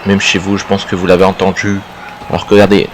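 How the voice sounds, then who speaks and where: A man working as a wrestling co-commentator, adding measured remarks on the action. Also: low voice, monotone.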